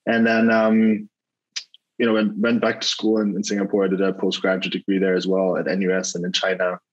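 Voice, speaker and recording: A man, a venture investor chatting as an interview guest, relaxed and rambling with many fillers and restarts. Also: low voice, a little fast. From Germany. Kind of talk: casual interview over a call. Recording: dull lo-fi call audio.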